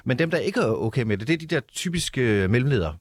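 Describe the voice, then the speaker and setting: A man's voice: mid-range voice, sing-song, dry recording, studio quality. A man telling a rambling story in casual chat, stumbling over his words with lots of fillers. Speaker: radio host telling a story.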